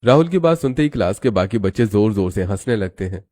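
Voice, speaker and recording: A man narrating a cartoon story in a steady, even storytelling voice. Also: lowish voice, quick pace.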